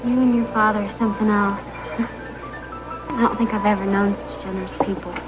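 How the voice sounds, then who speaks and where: Actress doing thoughtful grateful soap lady, polite, normal pitch, really loud music behind her. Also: steady tone, normal speed, close to an everyday voice, low-quality recording. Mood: grateful, reflective. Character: grateful, thoughtful woman, a house guest. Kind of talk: television soap opera acting. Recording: loud background music under dialogue.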